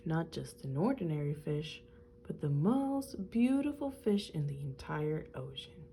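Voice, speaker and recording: A woman reading a picture book aloud to children in an expressive, teacherly way, explaining things simply. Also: mid-range voice, a little hiss or hum.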